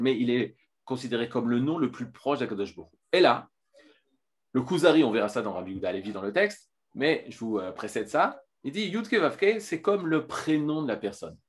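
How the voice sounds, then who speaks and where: Guy giving a torah lesson on camera, lively, lots of euh and restarts. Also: medium pitch. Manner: lively, with many restarts and filler sounds. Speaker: Torah teacher.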